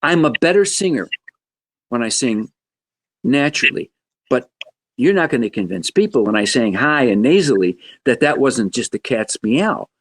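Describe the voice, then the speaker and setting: A man in his seventies, a guest musician telling stories in a podcast interview in an animated, joking way. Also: normal speed. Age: 70s. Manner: animated, joking, wide swings in pitch.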